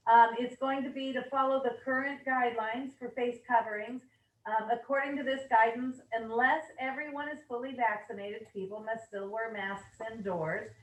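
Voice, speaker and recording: Woman presenter, upbeat and chatty, a bit hoarse, higher voice, roomy distant mic. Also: steady tone, moderate pace. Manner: upbeat, reads rules aloud with asides and fillers. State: losing her voice. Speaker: managing broker leading an office meeting. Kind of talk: office meeting presentation.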